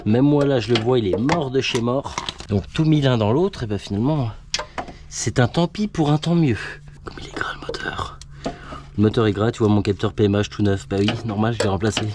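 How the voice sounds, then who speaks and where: A man casually commenting in slangy, chatty talk to his viewers while he repairs a car in a workshop. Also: fairly low pitch. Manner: slangy, chatty, talks to viewers mid-task. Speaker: amateur mechanic vlogger. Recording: noisy workshop with tool clicks.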